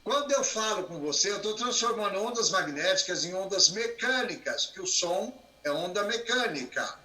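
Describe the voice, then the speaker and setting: A man lectures with lots of vocal play, pushing his voice up and dropping it low. His tone is very bright and forceful. The sound carries a roomy echo. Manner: expressive, plays with rising and falling voice. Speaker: guest speaker. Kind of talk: animated lecture on a live stream.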